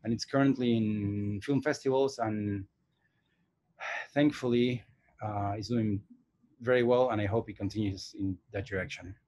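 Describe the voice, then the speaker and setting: In a casual interview, an Argentine animation director and teacher in his forties talks thoughtfully, hesitating and restarting often. His voice sits on the lower side, with a steady, darkish tone and a measured pace.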